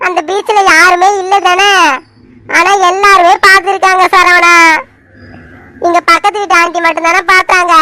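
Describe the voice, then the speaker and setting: An upset young woman pleading with her lover in a family drama series, played by a woman. The voice is very high and bright, with a dry, close sound and no echo. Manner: pleading, complaining. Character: young woman, tearful and upset, facing an arranged match. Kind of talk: scripted family drama acting.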